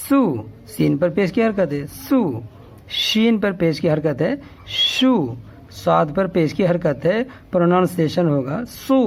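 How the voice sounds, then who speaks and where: Guy teaching letter sounds slowly, fairly high voice, keeps asking "okay?". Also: darkish tone. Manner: patient, repetitive, checks with "okay?". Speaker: Urdu reading teacher. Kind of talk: step-by-step alphabet lesson.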